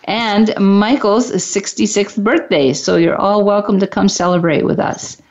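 A woman's voice: mid-range voice, fairly even intonation, measured pace, a little mellow. A woman co-hosting a radio talk show reads an upbeat promotional announcement for an event. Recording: dull lo-fi radio sound.

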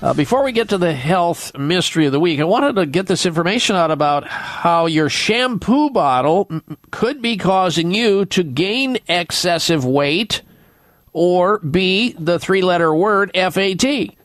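A man hosting a radio health show, advising and explaining with pauses and repeated words. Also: high voice, lively intonation, a bit bright, no echo, clean studio sound.

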